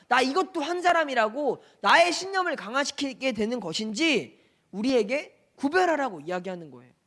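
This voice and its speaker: Animated, bright-voiced youth pastor preaching. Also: male voice, very high-pitched. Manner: animated preaching with many questions to the audience. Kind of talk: sermon. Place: church sanctuary.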